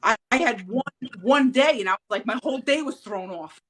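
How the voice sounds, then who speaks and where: A woman of Puerto Rican heritage, a podcast guest, tells her story in a relaxed interview with a lot of animation, as if talking with a friend. Her fairly high voice moves briskly, and she often laughs and acts out quotes.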